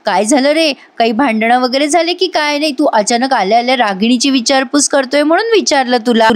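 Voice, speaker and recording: A woman voicing a soft-spoken young sister, read aloud in a voice-over episode recap. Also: high voice, a little fast, natural voice. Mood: gentle. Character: gentle young sister, teasing then bewildered.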